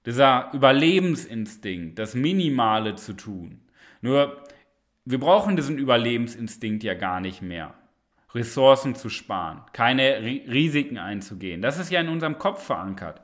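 A young man hosting a podcast, speaking emphatically and directly to the listener in a motivational monologue, sometimes dropping into a low soft voice. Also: animated, normal speed. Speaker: podcast host.

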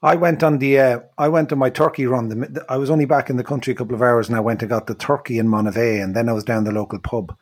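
Husky Irish man telling a story. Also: medium pitch, steady tone, fast, few pauses, no echo. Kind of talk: casual storytelling in group chat.

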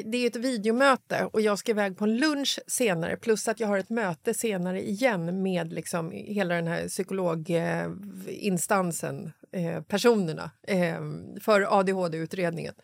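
A woman hosting a podcast in casual chat, an animated storyteller who acts out dialogue and swears freely. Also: mid-range voice, vocal fry, dry recording, studio quality. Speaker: podcast host.

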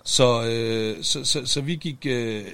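Gravelly, blunt man chatting. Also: mid-range voice, a bit bright, no echo. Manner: blunt, swears freely, tells anecdotes. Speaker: podcast co-host. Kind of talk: casual podcast chat.

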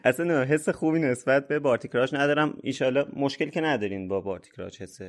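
A man co-hosting a podcast, chatting casually about a book chapter. He is easygoing and laughs often. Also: mid-range voice. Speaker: podcast co-host.

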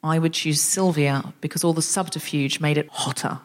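A woman with a slightly low voice hosts a comedy podcast. She chats casually and comically, telling stories in an animated, emphatic way. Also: normal speed.

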